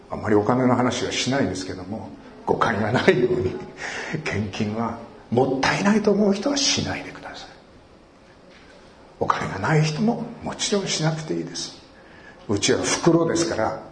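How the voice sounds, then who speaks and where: A man's voice: medium pitch, slight background noise. Earnest male pastor in an echoey hall. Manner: earnest, measured preaching with emphatic repeats. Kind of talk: sermon. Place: church worship hall.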